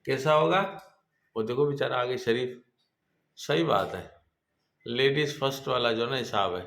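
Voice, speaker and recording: Slow man coaxing pet parrots. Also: medium pitch, gravelly, a bit bright. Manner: slow, affectionate baby talk to the birds. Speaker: vlogger talking to his pet parrots. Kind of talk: casual vlog, coaxing pets. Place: dim room with no electricity. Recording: echoey room with faint noise.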